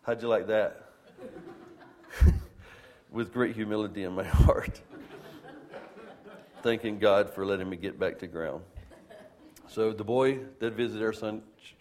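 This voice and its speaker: A man's voice: lowish voice, a little mellow. A man, a pastor, preaching a sermon and telling a funny, self-deprecating story to his congregation. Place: church.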